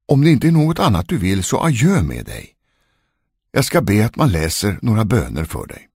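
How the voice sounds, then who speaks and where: A man voicing a stern, wealthy gentleman who orders his servants about, in a spoken ghost story. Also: on the low side, sing-song, husky, dry recording, clean studio sound, heavily acted. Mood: curt. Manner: curt, commanding. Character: stern rich gentleman, master of the house.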